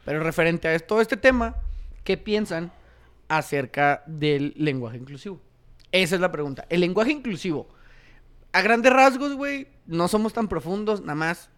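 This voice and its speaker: Young man, Mexican accent, high smooth voice, slangy casual host. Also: lively intonation, normal speed, fairly bright tone. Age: young adult. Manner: slangy, joking, reads viewer comments aloud. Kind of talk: casual chat.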